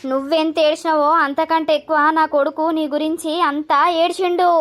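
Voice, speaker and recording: A woman voicing a caring, protective mother-in-law in an animated drama, with a Telangana Telugu accent. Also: high voice, fairly quick, lightly acted. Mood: soothing. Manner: soothing, reassuring. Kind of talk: animated village drama voice acting.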